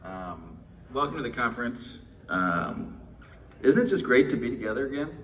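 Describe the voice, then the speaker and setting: A middle-aged man from Houston, Texas, with an American accent gives an informal, wry keynote speech in a windowless indoor conference room. His mid-range voice is sing-song and fairly bright, at normal speed. A distant mic captures room ambience and faint noise.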